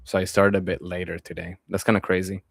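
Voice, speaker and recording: A young man in his twenties chats on a live stream, reading viewers' comments aloud, answering them and drifting back to his topic. His low, creaky voice is fast with little pitch movement, easygoing and friendly, full of trailing fillers. The sound is dry and close, with almost no room echo.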